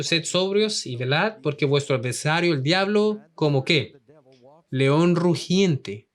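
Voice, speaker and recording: Un hombre que enseña una lección bíblica en español y hace muchas preguntas al público. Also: male voice, a little high, a bit bright. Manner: asks the audience many questions. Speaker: Bible teacher. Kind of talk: Bible study lesson in Spanish.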